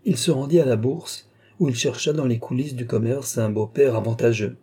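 Dark, husky-voiced man reading a story. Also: medium pitch, normal speed. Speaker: audiobook reader. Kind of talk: literary audiobook narration.

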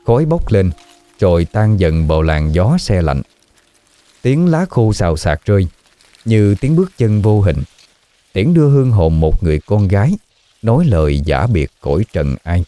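A man narrating a ghost story audiobook in a slow, somber storytelling manner. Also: low voice, warm tone, no echo.

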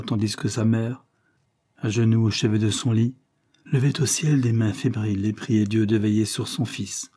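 Husky low-voiced male audiobook narrator. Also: mellow. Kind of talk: scripted narration of a classic novel.

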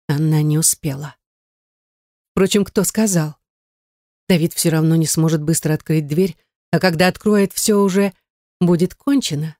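A woman narrates an audiobook in a low voice, steady and tense. The sound is close and dry, with no room behind it. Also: no echo. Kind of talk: scripted narration.

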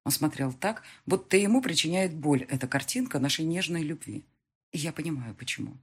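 A woman narrating a first-person audiobook with emotional, intimate delivery. Her voice is low and husky, and her pitch moves widely. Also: animated, fairly quick.

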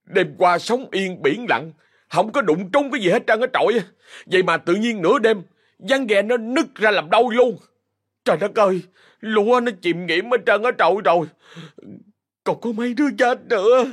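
A man's voice: high voice, lively intonation, normal speed, pitched above the performer's own voice. A man voicing a terrified young male servant who stammers and pleads in a ghost story. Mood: panicked. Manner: whimpering, pleading, frantic.

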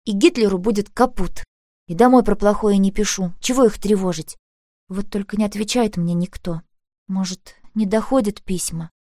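A woman's voice: medium pitch, moderate pace, dark tone, no echo, studio quality, pitched above the performer's own voice, close to an everyday voice. A woman voicing a sensitive, earnest teenage girl who pleads and argues indignantly in an audiobook. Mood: wistful.

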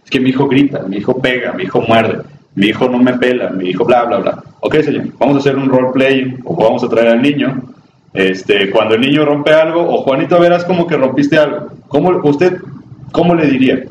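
A man's voice: mid-range voice, brisk, a little mellow. A man with a Mexican accent, a psychologist giving a chatty workshop talk to a live audience. He asks the listeners questions and acts out the people in his stories. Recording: distant, dull, noisy, roomy recording.

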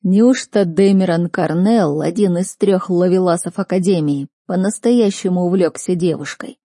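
A woman's voice: lowish voice, normal speed, dark tone, dry recording, studio quality. A woman reading an audiobook, voicing a stern, furious male academy rector who barks and scolds. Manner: barking, scolding.

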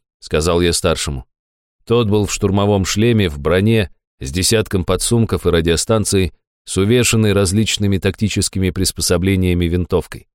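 Wry low-voiced male audiobook narrator. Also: no echo, clean studio sound. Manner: wry, deadpan asides. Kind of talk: first-person audiobook narration.

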